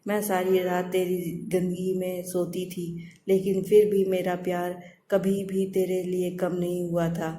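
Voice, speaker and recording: A woman narrator speaks as a patient old mother in a spoken family tale. The voice is low and unhurried, with little rise and fall and a dark, warm tone. An echoey room surrounds it. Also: lightly acted. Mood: reproachful. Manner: slow, even storyteller delivery. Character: elderly mother, patient and gentle. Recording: echoey room, faint background noise.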